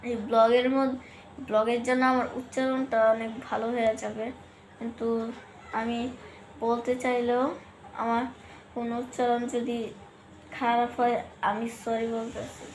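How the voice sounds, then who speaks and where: Young woman, casual vlog talk, rambling, light hiss, steady monotone. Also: a little high, moderate pace, pauses often. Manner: chatty, rambling, counts numbers aloud. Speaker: vlogger. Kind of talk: casual vlog chat to viewers. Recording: faint background noise.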